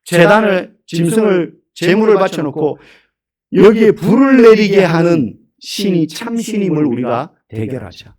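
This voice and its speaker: Lively, high-pitched male preacher. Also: normal speed. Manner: animated, emphatic preaching with rhetorical questions. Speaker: pastor. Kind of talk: sermon.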